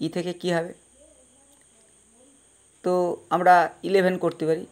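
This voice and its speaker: A male teacher giving a pronunciation lesson, slowly spelling out words and patiently repeating each sound for his students. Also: sits high, completely flat delivery. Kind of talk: spoken English pronunciation lesson.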